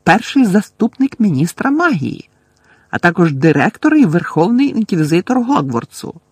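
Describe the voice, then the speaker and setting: A man's voice: a little high, a little slow, dry recording. A man voicing a frightened, officious witch official who lectures pompously about laws, in an audiobook. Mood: shrill, frightened.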